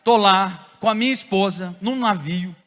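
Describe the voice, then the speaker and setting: Brazilian male pastor, high-voiced, lively sermon storyteller, church hall reverb. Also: normal speed. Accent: Brazilian Portuguese. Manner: animated storytelling preacher, bursts of shouting and tongues.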